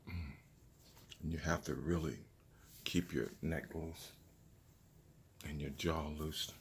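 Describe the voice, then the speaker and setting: A man chewing gum while he calmly talks through a stretching and massage routine, holding the camera himself. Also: a bass voice, slight background noise. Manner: slow, relaxed, chewing gum while talking. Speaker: doctor demonstrating self-massage. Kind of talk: casual instructional vlog. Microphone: handheld phone camera.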